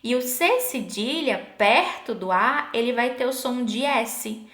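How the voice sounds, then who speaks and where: A woman's voice: a little high, lively intonation, a bit bright. Patient woman teacher in an echoey room. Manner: patient, asks the class questions, slows to spell out sample words. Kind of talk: online Portuguese lesson.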